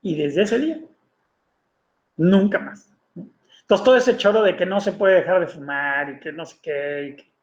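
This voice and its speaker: A man preaches in a relaxed, conversational way, often checking in with his listeners with a quick question. His voice sits high for a man. The sound is roomy and echoing, with a dull, lo-fi quality. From Mexico. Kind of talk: sermon testimony. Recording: echoey room, dull lo-fi sound.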